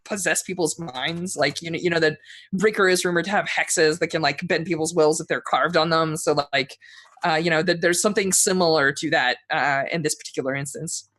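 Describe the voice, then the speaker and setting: A man's voice: on the high side, steady tone, brisk, bright, forceful tone. A man running a tabletop game as game master, narrating in a loose, rambling way with many fillers and restarts.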